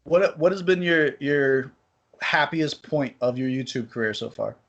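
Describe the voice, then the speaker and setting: A man's voice: mid-range voice, measured pace, fairly bright tone. A man interviewing a guest in a loose, casual chat, swearing freely, heard remotely over an online voice-chat call. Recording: dull lo-fi voice-chat audio.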